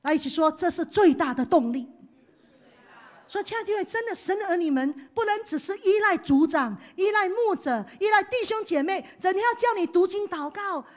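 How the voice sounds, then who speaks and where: Woman pastor, high voice, sermon that swings from hushed to loud. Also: expressive, a little fast. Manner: leads the congregation in call-and-response, swings from hushed to loud.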